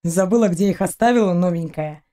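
A woman voicing a calm, teasing alien man, a quiet schemer, in an audiobook. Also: on the low side, brisk, pitched below the performer's own voice, lightly acted.

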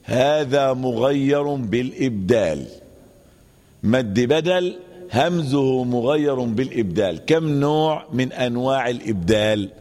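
A man's voice: mid-range voice, lively intonation, unhurried, darkish tone, in a large hall. A man with an Egyptian Arabic accent, a sheikh teaching Quran recitation rules in a classroom lesson. He asks and answers his own questions and repeats the key terms.

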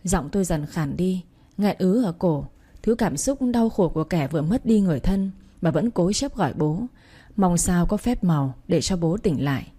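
A woman narrating a sad story as an audiobook reader, reading slowly and sorrowfully with emotion. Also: on the low side, animated, mellow, husky.

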